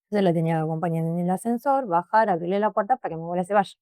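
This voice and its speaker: A Rioplatense woman recounts a painful experience in an interview. Her delivery is emotional and halting, and she often repeats words as she goes. The sound is dry and close, with no room around her. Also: on the low side, warm tone, dry recording. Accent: Rioplatense Spanish. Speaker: interview guest. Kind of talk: personal testimony in conversation.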